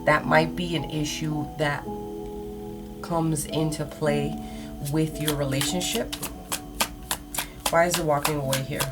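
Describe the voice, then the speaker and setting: A woman's voice: low voice, steady tone, measured pace, long pauses. A woman giving a mystical horoscope tarot reading in a casual, conversational way, speaking straight to her listeners. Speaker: tarot card reader. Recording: loud background music. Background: music, shuffling cards.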